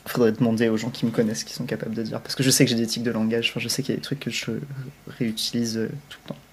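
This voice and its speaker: A man's voice: medium pitch, completely flat delivery, racing, a little hiss or hum. A man hosting a podcast and asking questions, flustered and self-mocking in casual chat.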